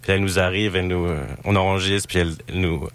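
A man's voice: deep voice, little pitch movement, rapid-fire, a bit bright. A man, a musician, chatting casually as an interview guest, repeating words and phrases as he explains.

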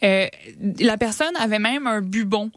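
A woman's voice: medium pitch, a little slow, no echo. A woman with a Québécois French accent, hosting a casual science chat and explaining things with frequent hesitations. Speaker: science podcast host.

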